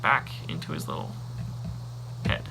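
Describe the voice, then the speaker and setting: A man talking casually through a toy review, describing each step as he handles the toy and pausing or muttering now and then. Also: heavy background noise.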